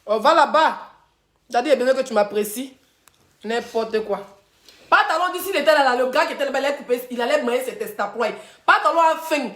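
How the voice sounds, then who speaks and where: A woman's high-pitched, slightly bright voice comes through a phone on a live stream in an echoey room. Animated and a little fast, she laughs as she chants insults and taunts in a mocking rant.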